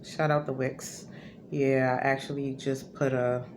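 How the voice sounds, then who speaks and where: A woman's voice: a bass voice, little pitch movement, measured pace. A woman vlogging from her home, talking in a casual, rambling way and correcting herself as she goes. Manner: rambling, self-correcting, conversational. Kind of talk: casual talking-to-camera monologue. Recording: noisy home recording.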